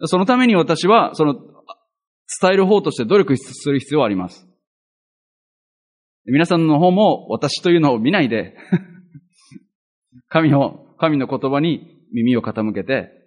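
A man preaching in a relaxed, conversational way. His fairly high voice rises and falls a lot as he explains scripture. He is earnest and often pokes fun at himself. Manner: earnest, self-deprecating, chatty asides. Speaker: pastor. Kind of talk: conversational Bible teaching.

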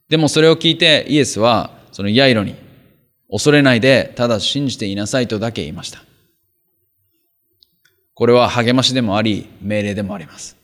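A pastor reading scripture aloud and then explaining it in a relaxed, conversational sermon. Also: male voice, mid-range voice. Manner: conversational, explains with casual asides and fillers. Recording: long hall reverb.

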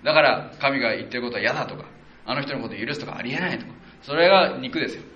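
A man preaching a conversational sermon as a pastor, working through a Bible passage verse by verse and acting out quotes with animated shifts in voice. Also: very fast, echoey room, lo-fi sound, slight background noise. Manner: animated, acts out quotes of the people with shifts of pitch; conversational, with self-corrections and fillers.

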